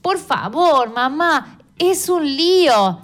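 A woman's voice: sits high, sing-song, slow pace, soft background music, exaggerated voice. A woman voicing a stubborn, pleading little girl, in a storybook reading. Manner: whiny, insistent pleading.

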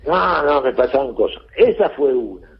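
A man with a Rioplatense Argentine accent speaks bluntly and colloquially as a football coach guest on a radio show. His voice sits at an ordinary pitch. It comes through a thin, tinny phone line. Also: expressive, normal speed, vocal fry. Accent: Rioplatense Spanish. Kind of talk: radio interview.

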